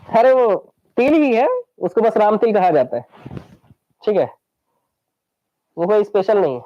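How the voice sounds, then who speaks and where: A man's voice: high voice, sing-song, a little slow. A man teaching an exam-prep lesson, repeating lists over and over and quizzing his students. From Chhattisgarh, India. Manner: drills lists by repetition, asks students questions. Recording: dull lo-fi recording.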